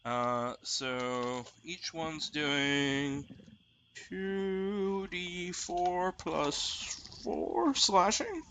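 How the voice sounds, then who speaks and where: A man running a tabletop roleplaying game as game master, narrating haltingly and piecing sentences together. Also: fairly high pitch, a bit bright, a little hiss or hum.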